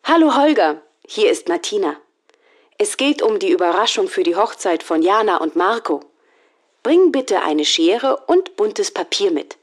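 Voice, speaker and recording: A friendly woman played by an actress leaves a scripted answering machine message. Her voice sits at a medium pitch, and she articulates carefully. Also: sing-song, a little slow. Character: friendly woman leaving a private phone message.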